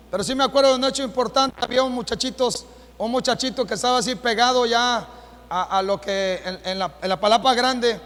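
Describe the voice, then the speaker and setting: A Mexican man preaching a sermon as pastor, with a Mexican Spanish accent, asking the congregation rhetorical questions and rising to shouts. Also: extremely high pitch. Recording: long hall reverb.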